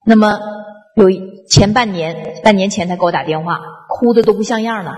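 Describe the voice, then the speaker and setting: A woman addresses an audience. She tells personal stories in a colloquial, animated way, acting out dialogue and often restarting her sentences. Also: mid-range voice, normal speed. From northeast China. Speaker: public speaker on traditional culture. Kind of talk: storytelling talk to an audience.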